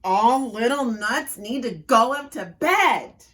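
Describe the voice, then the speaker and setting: A woman voicing a stern storybook mother nut, calling out in a loud, commanding voice that grows more emphatic each time. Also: on the low side, big pitch swings, unhurried. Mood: bossy.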